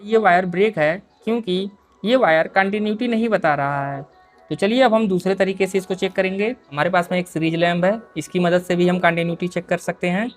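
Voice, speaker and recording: A man's voice: high-pitched, a little fast, soft background music. Patient man talking viewers through a repair. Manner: explains patiently while working, often addresses viewers as dear friends. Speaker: repair video host. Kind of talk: step-by-step repair tutorial.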